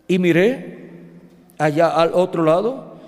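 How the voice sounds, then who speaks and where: A male preacher retelling a dream account in a sermon, halting and correcting himself as he goes. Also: fairly high pitch, animated, a little mellow. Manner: halting, with restarts and self-corrections. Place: church hall. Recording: long reverb of a large hall.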